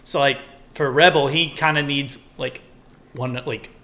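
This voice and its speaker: A man's voice: mid-range voice, a little slow. A young man chatting casually as a podcast co-host, rambling and swearing freely as he rants. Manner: rambling, profane, animated when ranting. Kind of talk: casual chat.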